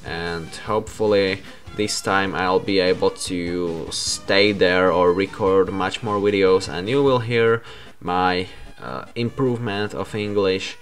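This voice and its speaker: Young male vlogger, low-pitched, halting, self-correcting. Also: fairly even intonation, faint music behind. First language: Slovak. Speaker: YouTuber. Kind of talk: casual vlog talk.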